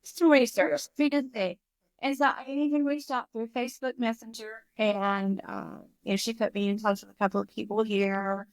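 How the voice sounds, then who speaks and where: A woman in her fifties, a podcast guest, telling a personal story in an animated, emotional way. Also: a little high, normal speed, dry recording. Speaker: guest, recovery school founder.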